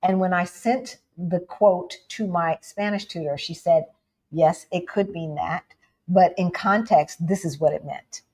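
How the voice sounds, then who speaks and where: Speaking a little slowly in a fairly low register, this U.S. livestream co-host keeps things animated and relaxed. She laughs often and addresses her audience as "y'all."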